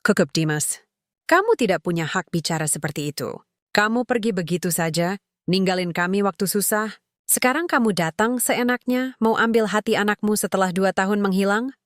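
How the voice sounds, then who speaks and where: A woman's voice: medium pitch, normal speed, no echo, studio quality, close to an everyday voice. A woman voicing a firm, protective mother. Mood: firm reproach.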